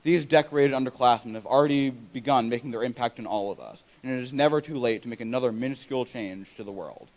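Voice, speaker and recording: A man's voice: mid-range voice, quick pace, hardly any pauses, a little mellow, poor audio. A young male student reading an earnest, prepared closing speech into a microphone at a school assembly. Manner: earnest, recited delivery. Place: school gym or auditorium. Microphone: handheld microphone.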